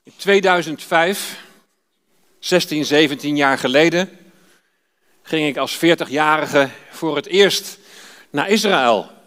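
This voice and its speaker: A man's voice: a little high, slow, long pauses, fairly bright tone. A man in his fifties, a pastor reading scripture and telling personal stories in a sermon. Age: 50s. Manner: storytelling, personal. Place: church. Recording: long church reverb.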